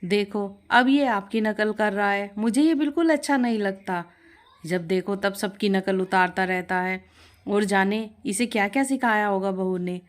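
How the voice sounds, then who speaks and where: A woman's voice: medium pitch, unhurried, lightly acted. A woman voicing a grumpy mother-in-law who scolds and complains about a pet parrot. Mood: irritated.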